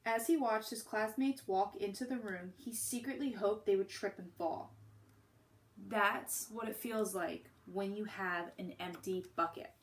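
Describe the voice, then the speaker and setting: A woman teacher reading a picture book to children and pausing to put questions to her listeners. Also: medium pitch.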